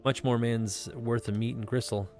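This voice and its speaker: A man doing a gruff salty pirate barkeep. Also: medium pitch, steady tone, normal speed, darkish tone, faint music behind, lightly acted. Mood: taunting. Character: gruff male pirate tavern keeper.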